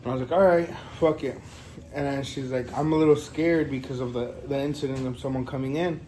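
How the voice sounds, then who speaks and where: A young man telling a story in a casual vlog, animated and profane, full of fillers. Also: mid-range voice, fast talker, slight background noise, rough recording. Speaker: vlogger.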